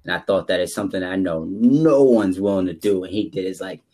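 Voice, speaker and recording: Podcast co-host, male, twenties: rapid, informal, emphatic delivery in a lowish register. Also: mellow, slightly rough. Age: 20s. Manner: emphatic, repeats himself for stress. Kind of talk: casual chat.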